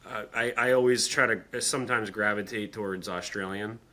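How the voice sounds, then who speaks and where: A man's voice: lowish voice, steady tone, normal speed, bright, forceful tone. A young man co-hosting a podcast, chatting casually and sometimes hamming up a reading in a put-on voice. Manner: reads aloud in a hammy put-on voice, laughs easily. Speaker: podcast co-host. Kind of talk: casual chat.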